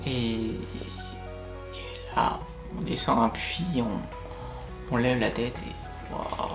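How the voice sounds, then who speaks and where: A man's voice: medium pitch, flat delivery, slow. A man narrating a vlog in a casual storytelling style. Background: soft plucked guitar music.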